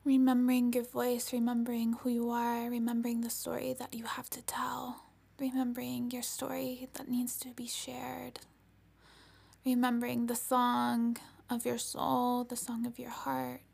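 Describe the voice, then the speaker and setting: High, breathy, serene woman guiding meditation. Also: completely flat delivery. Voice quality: breathy, often dropping into a whisper. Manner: serene, soothing, slow and gentle delivery. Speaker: energy healer leading a guided meditation. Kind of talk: whispered ASMR guided healing meditation.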